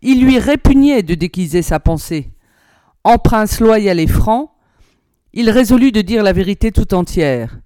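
A woman reading an old storybook aloud in a measured, expressive way. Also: medium pitch, dry recording, studio quality. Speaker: narrator, reader.

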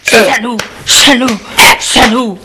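A man voicing a rebellious young adult son who shouts back at his father in anger and pain. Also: very high voice, fairly even intonation, normal speed, very noisy, voice pushed up. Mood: raging.

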